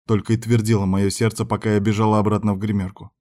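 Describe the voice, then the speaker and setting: Low-voiced male audiobook narrator. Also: flat delivery, quick pace, mellow. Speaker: audiobook reader. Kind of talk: scripted narration.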